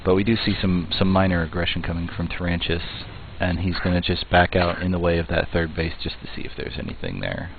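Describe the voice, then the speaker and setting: A man giving play-by-play commentary on a strategy game match, talking in a measured way with fillers and restarts. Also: low-pitched, vocal fry. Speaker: esports caster. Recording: tinny phone-like line, faint noise.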